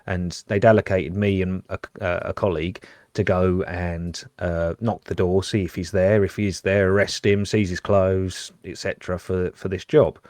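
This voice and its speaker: A man, a former police officer co-hosting a podcast, telling a lively anecdote in a casual chat. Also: sits low, normal speed, dry recording, clean studio sound.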